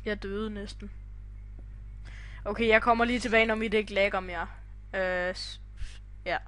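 A woman's voice: mid-range voice, level tone, fairly bright tone, dry recording. A young woman chatting casually while playing a game with a friend, laughing often. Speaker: channel owner, gamer. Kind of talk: casual gaming chat.

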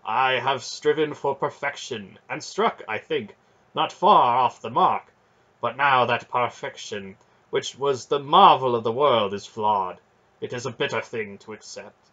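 A man voices a brooding noble knight, formal and solemn, who declaims in an archaic, earnest way with a troubled mood. His mid-range voice is pushed and bright at a measured pace, and the recording is muffled.

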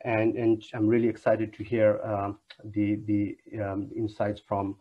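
Over dull, lo-fi video call audio from a wired earphone mic in his home, a university lecturer from Nepal in his thirties introduces an online panel. His fairly low voice is monotone and a little slow, and his formal delivery is broken by many fillers and restarts.

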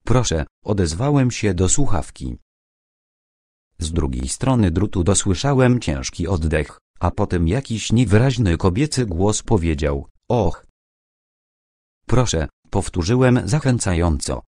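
A man narrating an audiobook in a calm, measured way. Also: sits low, no echo, clean studio sound.

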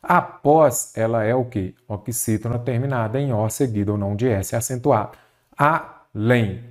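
Male grammar teacher, exam-prep lesson, questions then answers himself, lifts his pitch on key words. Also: a little mellow. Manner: didactic, asks questions and answers them himself. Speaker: Portuguese language teacher.

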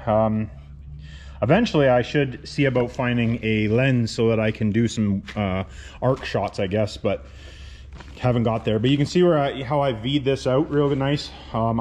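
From a cluttered workshop garage, a man who welds and hosts a channel casually talks viewers through a repair. His mid-range voice is a little mellow, and his delivery is plain, wandering and full of self-corrections.

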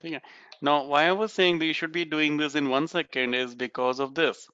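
A man's voice: a little high, fairly even intonation, fast talker, sharp tone, clean tone, no room sound, muffled recording. A man with an Indian accent teaching an informal online lesson, conversational and encouraging, mixing Hindi into his English. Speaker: physics teacher. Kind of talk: informal online lesson, explaining problems to students. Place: indoors, online class over webcam.

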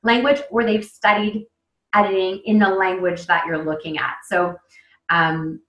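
A native English-speaking author in her thirties gives a casual online lesson in a mid-range, fairly bright voice with fairly even intonation and a measured pace. It's recorded in an echoey room over a video-call webcam mic that cuts off the highs. Her talk is loose, with many fillers and restarts.

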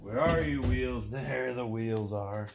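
This thirtysomething woodworker speaks slowly at a medium pitch with vocal fry, casually vlogging as he unboxes and reviews a tool chest. He's in an indoor workshop stocked with shelves and lumber, sometimes muttering while he works, all unscripted. A phone camera captures him at arm's length, then a few feet away, with background noise, clicks and handling sounds.

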